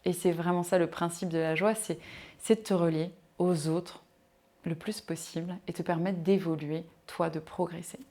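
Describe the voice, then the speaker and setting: A woman's voice: on the low side, steady tone, normal speed, dark tone. A woman giving a casual spoken talk on personal growth as a coach, addressing the listener directly with many fillers.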